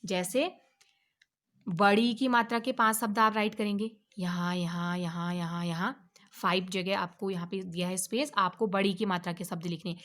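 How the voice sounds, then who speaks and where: A woman teaching an alphabet lesson to children, asking questions and answering them herself, drawing out each letter slowly. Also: medium pitch, fairly even intonation, fairly bright tone. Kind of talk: online Hindi lesson for children.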